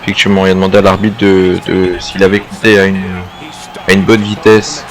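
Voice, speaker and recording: A man working as a wrestling co-commentator, adding measured remarks on the action. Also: deep voice, flat delivery.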